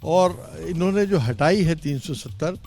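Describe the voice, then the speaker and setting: A male party representative speaking in a measured way in an outdoor debate, asking not to be interrupted. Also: a little high, lively intonation, a little mellow. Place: outdoor public gathering.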